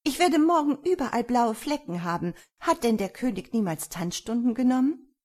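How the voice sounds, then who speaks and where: A woman voicing the duke's youngest daughter, a blunt young girl asking loud, indignant questions in a storybook reading. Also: on the high side, animated, measured pace, slightly rough, voice pushed up.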